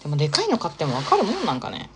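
A woman's voice: deep voice, huge pitch swings, very fast, music in the background. A young woman hosting a casual live stream, chatting with viewers and reading their comments aloud. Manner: chatty, reads viewer comments aloud, exclaims and laughs often.

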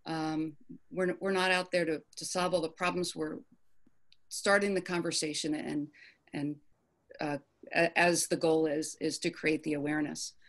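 Woman, lower voice, halting, filler-heavy, informative, video call. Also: flat delivery. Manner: halting, many ums and uhs, informative. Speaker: committee presenter. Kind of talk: virtual office meeting.

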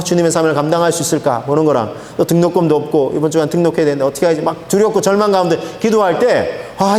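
A man preaching a sermon as pastor, emphatic and lively, acting out the lines he quotes. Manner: emphatic, acts out quoted speech with swings in pitch. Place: church sanctuary. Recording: echoey church hall with faint noise.

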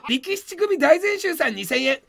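High, shouty man faking rage. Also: sing-song, moderate pace, crowd noise. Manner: shouts rough, slangy retorts, tacking "you" onto every line; laughs through his rants. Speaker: live streamer answering viewer comments. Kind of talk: mock-furious comedic comment replies.

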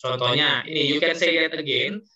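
Bright-toned male teacher, muffled audio. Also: a little high, normal speed, a little hiss or hum. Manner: explains patiently, mixing in spoken English examples. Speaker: English teacher. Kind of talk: online class lecture.

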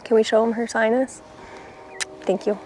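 A woman's voice: fairly high pitch, flat delivery, normal speed, slight background noise. A woman, chatting casually about her rescue horses in a vlog, filmed outdoors in a paddock with a handheld camera. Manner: chatty, coos softly to the horses. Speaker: horse rescue farm owner.

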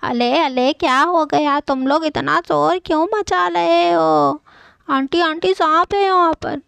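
A woman's voice: high-pitched, steady tone, takes it slowly, gravelly, a bit bright, no echo, exaggerated voice. A woman voicing a fussy neighbour aunty in a doll-play story, hurrying to fetch help. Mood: hurried. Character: busy neighbour aunty raising the alarm.

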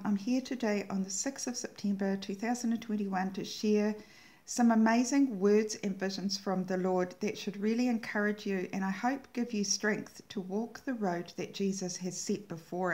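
An earnest woman hosts her own channel and shares a devotional message in a reverent tone. Her voice is warm and mellow, and her pitch sits in a middle range. She lingers over the words she treasures. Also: steady tone. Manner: earnest and reverent, slows down to savor quoted words. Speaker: channel host sharing prophetic words.

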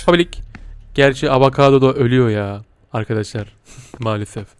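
A man giving casual gameplay commentary and talking straight to his viewers, swinging between muttering and yelling. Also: mid-range voice, a little fast, smooth, no echo. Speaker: gaming video host.

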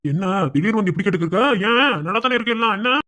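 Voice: mid-range voice, very fast, close to an everyday voice. A voice actor playing a patient old grandfather in a cartoon, with a Madurai Tamil accent. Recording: loud background noise.

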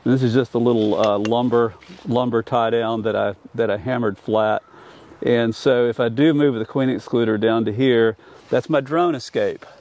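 A man's voice: mid-range voice, steady tone, moderate pace, darkish tone. An older man and commercial beekeeper from North Carolina, explaining his methods outdoors in a plain, practical way with frequent restarts, on a lapel mic. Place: outdoors in an apiary.

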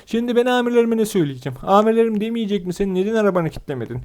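Fast-talking, high-voiced young man. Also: animated, darkish tone. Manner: fast, repetitive, pleading and exclaiming. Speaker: gameplay video host. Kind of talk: roleplaying a police officer while narrating gameplay to viewers.

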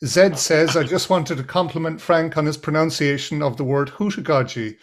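A man hosts an online seminar over a video call. His voice sits a little high. He sounds upbeat as he reads out audience comments and prompts the guest. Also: moderate pace. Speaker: seminar host.

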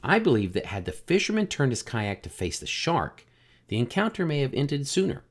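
Lively-voiced man narrating calmly. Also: mid-range voice. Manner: measured, explanatory, rhetorical questions. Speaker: drone videographer and channel host. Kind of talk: documentary voice-over narration. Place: home studio room, indoors.

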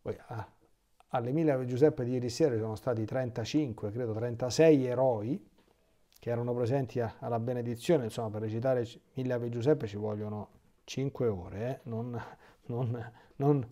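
Warm-voiced Italian priest giving catechesis. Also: male voice, mid-range voice. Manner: reads a text aloud, breaking off into lively spontaneous asides. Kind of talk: catechesis talk.

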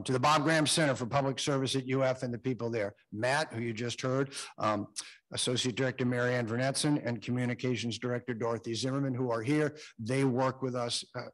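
A man's voice: medium pitch, low-quality recording. A man in his sixties from Florida giving a speech at a book launch in a museum, chatty and self-deprecating, with joking asides and frequent ums. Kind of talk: public speech with thanks and anecdotes. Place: museum event room.

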